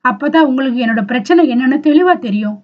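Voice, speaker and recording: A woman reading the lines of a gentle young woman, tearful and troubled. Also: sits high, lively intonation, fast talker, muffled recording. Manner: soft, tearful.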